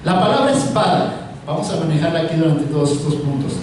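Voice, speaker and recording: A man's voice: fairly high pitch, sing-song, fast, a little mellow, slight background noise. A man preaching a sermon, often asking his listeners questions and waiting for their answers. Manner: asks the audience frequent questions. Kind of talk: sermon with call-and-response. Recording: roomy echo, mic at a distance.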